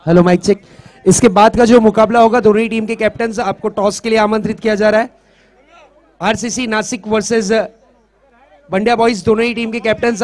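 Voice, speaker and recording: A man making loud, repeated public announcements over a loudspeaker PA system at an outdoor cricket ground. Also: high voice. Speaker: tournament announcer.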